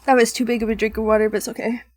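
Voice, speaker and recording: A woman's voice: a little high, level tone, racing, no echo. A young woman streamer reading a visual novel aloud with dramatic narration and chatty, giggly asides.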